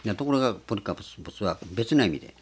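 A man's voice: on the low side, animated, very fast, a little hiss or hum. A man preaching a sermon, explaining earnestly with frequent hesitations.

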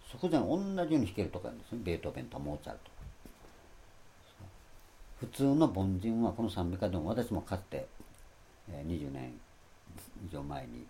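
Emphatic low-voiced man teaching the Bible. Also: slight background noise. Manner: emphatic, loudly acts out quoted phrases; rambling, repeats himself. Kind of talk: Bible lecture sermon.

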